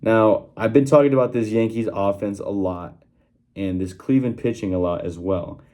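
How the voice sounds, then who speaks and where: A young man with a lowish, warm, mellow voice talks casually into his phone in a small workroom. He wanders through his points with frequent fillers and restarts, and the sound has the plain quality of a phone recording. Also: normal speed. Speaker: channel host giving sports predictions. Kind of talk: casual one-take vlog talk.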